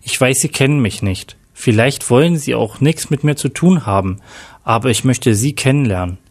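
A man's voice: medium pitch, normal speed, lightly acted. A man voicing a polite, hesitant young caller leaving a message on an answering machine.

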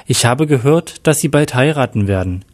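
A man's voice: medium pitch, animated, normal speed, natural voice. A man voicing a polite, hesitant young caller leaving a message on an answering machine.

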